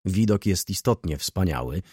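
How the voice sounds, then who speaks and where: A man voicing a brooding, jealous middle-aged merchant who thinks gloomily and explains calmly in an audiobook. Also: low voice, normal speed, slightly rough, dry recording, clean studio sound. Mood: explaining.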